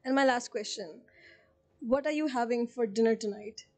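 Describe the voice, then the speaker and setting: A woman from Pakistan hosting a casual podcast interview, animated and teasing, laughing often. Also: on the high side, normal speed. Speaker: podcast host.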